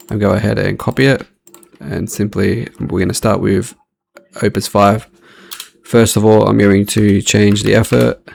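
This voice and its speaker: Gravelly laid-back man narrating his gameplay. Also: lowish voice, a little mellow. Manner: laid-back, thinking aloud while playing. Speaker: channel host testing AI models. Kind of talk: casual screen-recorded gameplay commentary. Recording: home recording with clear background noise.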